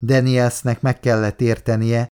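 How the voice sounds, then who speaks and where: A man narrating an audiobook in a steady, measured reading voice. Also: medium pitch, clear, resonant tone. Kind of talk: scripted narration.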